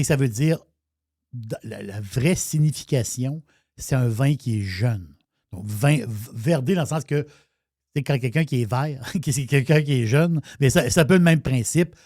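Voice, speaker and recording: A man's voice: medium pitch, darkish tone, no echo, clean studio sound. A man around sixty with a Quebec French accent, a wine columnist on the radio, talking in a chatty, rambling way with many restarts. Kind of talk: radio talk, explaining and storytelling.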